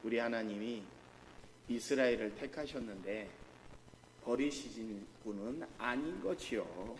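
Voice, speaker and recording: A man's voice: mid-range voice, unhurried, slight background noise. A middle-aged man preaching a sermon as pastor in a church, often asking the congregation questions. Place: church sanctuary. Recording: reverberant church hall, faint ambience.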